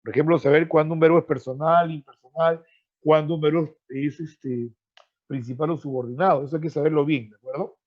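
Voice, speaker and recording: A man's voice: fairly high pitch, fairly even intonation, brisk. A man with a Peruvian Spanish accent teaching an online pre-university grammar class, explaining with frequent tag questions and repetitions and fondly addressing his students as freshmen. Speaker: language teacher. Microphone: video call. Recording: dull lo-fi online-class audio.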